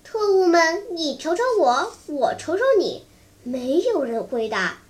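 High-voiced, slow storyteller. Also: sing-song. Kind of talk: storybook reading.

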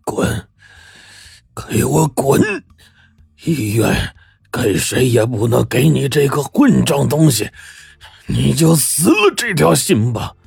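Man doing worn-out old uncle in his 60s, quiet husky low voice. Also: fairly even intonation, normal speed, no echo, soft background music. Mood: furious. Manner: soft, tired, strained. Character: old ailing uncle in his sixties, weary and proud.

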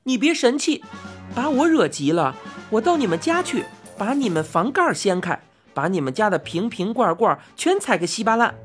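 A woman's voice: mid-range voice, big pitch swings, normal speed, soft background music, natural voice. A woman voicing a bold young girl in a storybook reading, raising her voice in threats. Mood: defiant.

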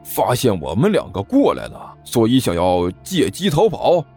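A man voicing a timid young male thug who stammers and wheedles, the nervous sidekick in a told story, pitched well above his own voice. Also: huge pitch swings, moderate pace, dark tone, soft background music. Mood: eager.

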